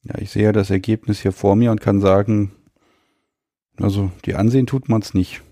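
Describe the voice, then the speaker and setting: Male podcast interviewer: low, creaky, mellow voice, casual delivery, dry sound. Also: flat delivery, moderate pace, no echo. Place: guest's living room.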